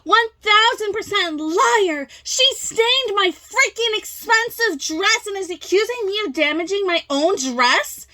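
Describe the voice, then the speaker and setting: A woman voicing a furious, indignant online seller who speaks in a shrill, outraged tone with drawn-out emphasis. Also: animated, heavily acted, low-quality recording.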